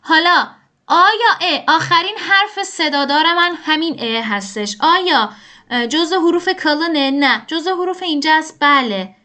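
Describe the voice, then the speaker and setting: A woman's voice: sits high, expressive, sharp tone. A woman teaching grammar step by step, patiently asking questions and answering them herself. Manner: patient, explains rules aloud, poses and answers her own questions. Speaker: language teacher.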